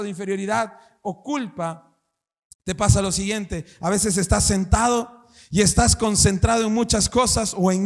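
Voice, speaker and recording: High-voiced preaching pastor in a reverberant church. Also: male voice. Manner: impassioned preaching, rhetorical questions, voice rising to shouts. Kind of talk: sermon.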